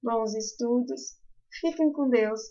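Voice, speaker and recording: Southern brazilian lady teacher going slow, kinda high voice, dull lo-fi audio. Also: very noisy. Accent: southern Brazilian Portuguese. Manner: slow, careful explanation. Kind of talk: recorded grammar lesson.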